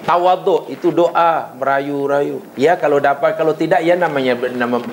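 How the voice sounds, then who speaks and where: A middle-aged man with a Malaysian Malay accent delivers a religious lecture in a fairly high voice at a moderate pace. He preaches energetically, keeps posing rhetorical questions, and acts out prayers. The low-quality recording carries a faint hiss.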